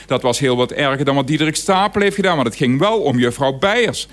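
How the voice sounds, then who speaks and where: A man's voice: mid-range voice, expressive, quick pace. A man reading a written radio column aloud, dry and ironic in manner.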